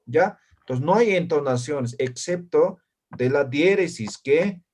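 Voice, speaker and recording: A man's voice: a little high, animated, slow pace, darkish tone. A man teaching an online language class who explains patiently and keeps checking that his students follow.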